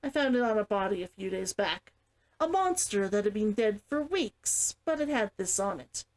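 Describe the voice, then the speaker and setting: A woman's voice: mid-range voice, expressive, normal speed, lightly acted. A woman reading the lines of a guarded, weary man who fled servitude, in a storybook narration.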